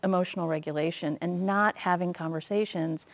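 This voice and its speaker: A woman, a child psychologist, talking casually and calmly, modeling phrases for parents to use. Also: fairly low pitch, brisk. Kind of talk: casual chat.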